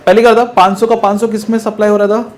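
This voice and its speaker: This male physics teacher moves briskly and energetically through his lesson in a voice that runs high for a man. Again and again he asks his students something, only to supply the answer on his own.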